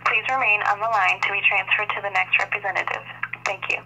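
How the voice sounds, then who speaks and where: Woman, recorded phone greeting, bright tone, heard distant through the handset with faint hiss. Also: mid-range voice, steady tone, vocal fry. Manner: formal, measured, reads out options and hours. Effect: heard over a phone line. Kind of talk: scripted answering-machine message. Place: office answering system.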